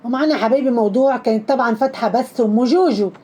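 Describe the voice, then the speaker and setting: Fast-talking sarcastic Egyptian woman. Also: a little high. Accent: Egyptian Arabic. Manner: sarcastic, mocking, animated. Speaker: gossip commentator. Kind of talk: casual gossip commentary.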